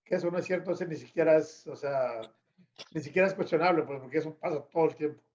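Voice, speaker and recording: A man with a somewhat raised pitch, talking earnestly in a casual discussion. He often restarts his phrases, and his voice comes through a dull, lo-fi recording. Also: quick pace, a little mellow. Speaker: guest.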